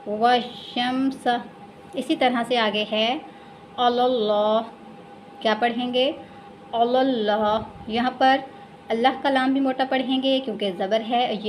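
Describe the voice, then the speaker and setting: A woman with an Urdu accent teaching Quran recitation in a lesson, explaining patiently and repeating each word slowly and drawn out. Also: fairly high pitch, slight background noise. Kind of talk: slow step-by-step recitation lesson.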